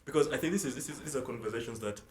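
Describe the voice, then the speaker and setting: A man's voice: mid-range voice, very fast. A young man from South Sudan, a musician, talking casually and rambling in an interview, full of "like" and "you know". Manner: relaxed, rambling, often restarts with "like" and "you know". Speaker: musician guest. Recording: echoey room with faint noise.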